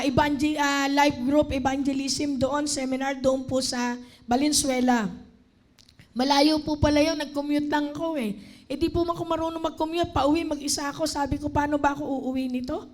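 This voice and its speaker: High-voiced Filipino woman preaching. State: tired, strained voice. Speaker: lay preacher. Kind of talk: sermon. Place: church.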